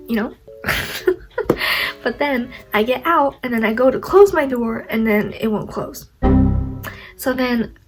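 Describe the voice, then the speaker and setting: This casual storytime comes from a young adult woman vlogger whose nose sounds stuffy and whose voice is mid-range. She talks in a rambling, chatty way, leaning on "like" and mocking herself, and the recording is rough.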